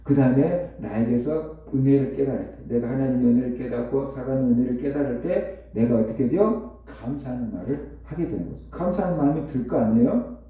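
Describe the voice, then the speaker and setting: A man preaching a conversational sermon as pastor, telling a story with rhetorical questions and lively repetition. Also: medium pitch, brisk. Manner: repetitive, animated retelling. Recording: echoey hall, distant dull mic.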